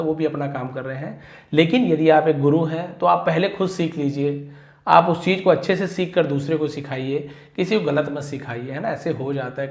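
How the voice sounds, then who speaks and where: A man teaching English vocabulary in a YouTube lesson, stressing each English word loudly before explaining it, sounding tired from long work hours. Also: fairly high pitch, echoey room.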